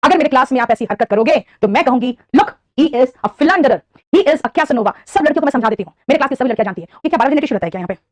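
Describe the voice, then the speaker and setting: Indian woman, vocabulary teacher, high voice, dry close mic, online class. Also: lively intonation, rapid-fire, few pauses, dry recording. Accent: Indian English. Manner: addresses students as beta, quizzes and praises them. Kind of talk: online live class, Hindi mixed with English.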